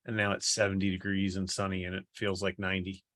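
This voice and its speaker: Low-voiced man hosting casually, dry sound. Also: monotone, fast, fairly bright tone, no echo. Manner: informal, rambling, joking banter. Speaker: livestream host, company co-founder. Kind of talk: casual livestream chat.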